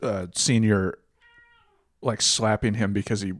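A man's voice: fairly low pitch, steady tone, measured pace, no echo, studio quality. A man co-hosting a podcast in casual chat, ranting bluntly and swearing often. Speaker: podcast co-host.

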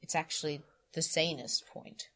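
Expressive low-voiced woman reading aloud. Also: normal speed. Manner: expressive, shifting from hushed to cries. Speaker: podcast host and reader. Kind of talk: dramatic reading of a story.

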